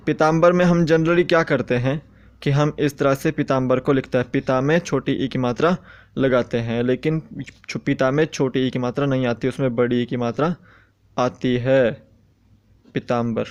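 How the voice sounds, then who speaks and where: A young man teaching exam students Hindi spelling, slowly repeating each word as he writes it out. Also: mid-range voice, fairly even intonation. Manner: slow, repetitive, says each word several times. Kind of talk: explaining Hindi spelling rules.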